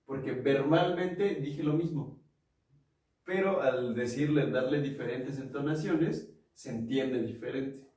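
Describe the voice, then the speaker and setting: A man's voice: medium pitch, slow pace, dark tone. A man with a Mexican accent co-hosting a casual podcast, explaining ideas with examples and acting out quoted lines. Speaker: podcast co-host. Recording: echoey room, mic at a distance.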